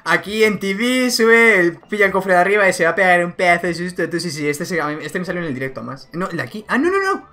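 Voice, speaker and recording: A man's voice: sits high, expressive, fast talker, few pauses, pushed and bright. A young man giving casual, slangy reaction commentary on gaming clips and laughing often.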